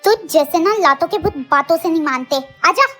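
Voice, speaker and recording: A woman's voice: extremely high pitch, brisk, a bit bright, faint music behind. A woman voicing a hot-headed, jealous young man who threatens and protects in a dramatized story reading. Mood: furious. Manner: threatening, blunt.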